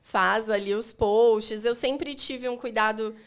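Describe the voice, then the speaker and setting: A woman's voice: fairly high pitch, steady tone, slow, clear, resonant tone. A woman in her forties, a podcast guest, talking in a casual, reflective way. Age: 40s. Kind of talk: casual chat.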